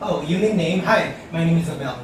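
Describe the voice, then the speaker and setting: A man's voice: on the high side, drawn-out words, background noise. A young man playing a lovestruck, overly polite foreigner who speaks English. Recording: echoey room, voice from far off.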